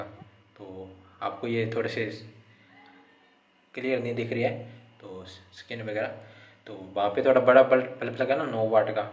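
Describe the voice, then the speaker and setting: A man's voice: medium pitch, darkish tone. A man, rambling casually to camera in a daily vlog, often starting his lines with "to". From India. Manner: chatty, repetitive, starts lines with "to". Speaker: vlogger. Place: outdoors by a house, then inside a small temple. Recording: dull lo-fi phone audio, faint background noise.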